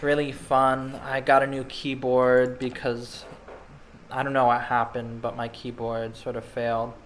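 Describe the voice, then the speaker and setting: A man's voice: medium pitch, monotone, measured pace, a little hiss or hum. A man giving casual, rambling commentary over video game replays, chatting while he snacks. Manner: rambling, laid-back, snacking while talking.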